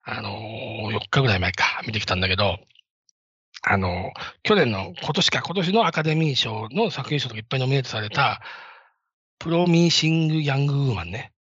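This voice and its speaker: A man's voice: mid-range voice, animated, fairly quick, a bit bright, husky, dry recording. A man in his fifties hosting a show, talking casually in a rambling, self-deprecating way. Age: 50s. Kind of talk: casual solo talk. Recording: dull lo-fi, dry sound.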